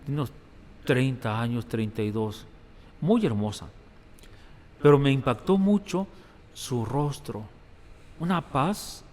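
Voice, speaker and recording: A man's voice: medium pitch, darkish tone. A Mexican priest and hospital chaplain telling stories of his work in an interview, often repeating words as he thinks. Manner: reflective storytelling, repeats words. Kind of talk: interview testimony. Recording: reverberant room, faint background noise.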